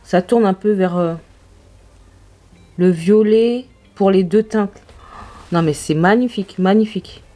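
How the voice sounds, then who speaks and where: A woman's voice: medium pitch, measured pace, long pauses, dark tone, soft background music. A young woman vlogging makeup swatches, gushing and exclaiming over each shade in casual chat. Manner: gushing, exclamatory, marvelling aloud. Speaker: beauty vlogger.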